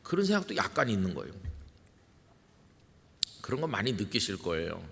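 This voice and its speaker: A man's voice: fairly low pitch, sing-song, brisk, gravelly, fairly bright tone. A middle-aged man, a senior pastor, preaching in a conversational way and putting questions to his congregation. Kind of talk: sermon. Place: large church sanctuary. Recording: church hall with long reverb.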